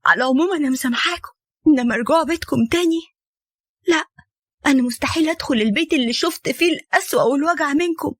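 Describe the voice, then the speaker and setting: A woman's voice: sits high, rapid-fire, no echo, natural voice. Woman voicing a heartbroken young woman, Egyptian accent, reproachful, dry close sound. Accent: Egyptian Arabic. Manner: pleading, reproachful.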